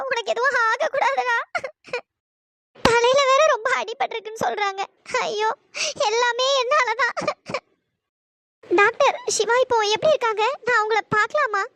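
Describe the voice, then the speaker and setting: A woman voicing a young woman heroine in a cartoon story, pleading and sobbing in a very high, sped-up voice. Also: bright, forceful tone, a little hiss or hum.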